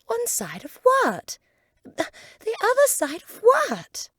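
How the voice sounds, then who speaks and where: A woman's voice: very high voice, wildly swooping pitch, slow pace, fairly bright tone, no echo, studio quality, voice pushed up, heavily acted. A woman voicing a polite, plaintive little girl in a storybook, pleading and wondering with childlike expression. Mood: puzzled, plaintive.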